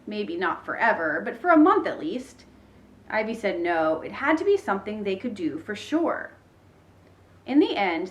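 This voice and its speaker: A woman teacher reading a children's chapter book aloud, in a clear expressive storytelling manner. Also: medium pitch.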